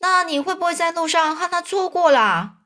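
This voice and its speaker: Woman doing an excitable, fussing aunt. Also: very high-pitched, normal speed, pitched above the performer's own voice, exaggerated voice. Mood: excited.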